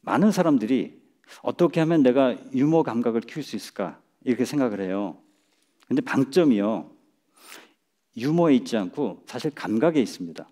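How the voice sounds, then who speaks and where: A middle-aged man giving a public lecture on a stage, speaking in a measured way and chuckling at his own jokes. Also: mid-range voice, animated, warm tone. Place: lecture stage before an audience.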